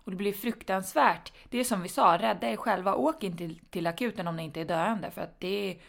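A woman's voice: mid-range voice, vocal fry. A woman with a Stockholm accent chatting casually as a podcast co-host, blunt and teasing in an informal way. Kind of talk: casual chat.

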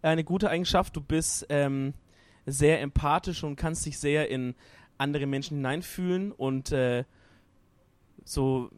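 A man's voice: on the high side, measured pace, smooth, no room sound. A man in casual group chat at a gaming event, hesitant and searching for words, with lots of fillers. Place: noisy event hall at a gaming party.

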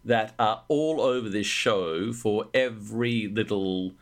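A man's voice: lowish voice, takes it slowly. A man giving considered commentary as a panelist in a media discussion.

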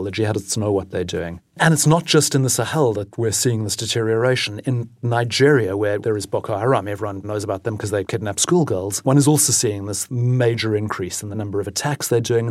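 A man, an Africa editor, explaining in a measured way what he saw on a reporting trip, in a news podcast interview. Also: fairly low pitch, a little mellow, no room sound, clean studio sound.

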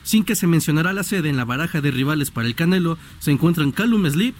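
A Mexican man reading sports news on the radio, brisk with joking asides. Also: fairly high pitch, animated, slight background noise. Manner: brisk newsreading mixed with joking banter. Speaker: sports reporter.

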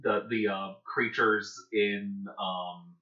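Halting low-voiced man, roomy lo-fi. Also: fairly even intonation, bright, forceful tone. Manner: halting, searching for words. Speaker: voice actor on a podcast. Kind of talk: casual panel chat.

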